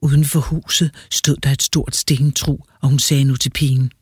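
A man reading a fairy tale aloud with a lively, expressive storyteller delivery. His voice is very breathy, and the recording is close and dry. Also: medium pitch, dry recording.

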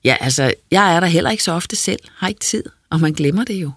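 A hesitant grown sister, soft-spoken and gently probing, as an audiobook reader puts her on. Her voice is a little husky and close, with a dry sound and no room around it. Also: mid-range voice, expressive, no echo. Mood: uneasy. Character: hesitant adult woman, narrator's sister.

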